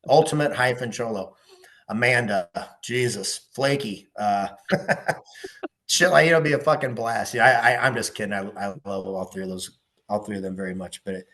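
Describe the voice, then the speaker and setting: A man's voice: on the low side, fairly bright tone. A middle-aged man, a podcast guest, talking casually in a rambling, profane way full of fillers and stories.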